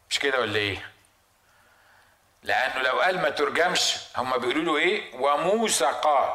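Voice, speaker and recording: A man with an Egyptian Arabic accent preaches at a rapid clip in a slightly high, bright voice. He drives his points home with rhetorical questions and acted-out dilemmas. The sound carries a roomy echo. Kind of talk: sermon.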